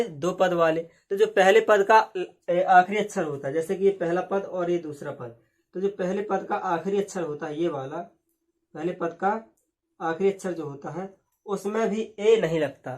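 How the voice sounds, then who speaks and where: A man teaching a lesson, patiently repeating words and spelling out letters slowly. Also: high-pitched, a little mellow. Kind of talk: explaining a lesson.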